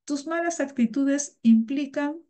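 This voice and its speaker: Slow-speaking, mellow-voiced woman teacher. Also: sits high. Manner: patient, encouraging, repeats words. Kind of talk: online class.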